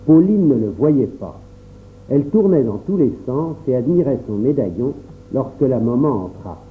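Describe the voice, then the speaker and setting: A man narrating a storybook in a calm, measured first-person reading. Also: medium pitch. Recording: tinny phone-like sound, faint noise.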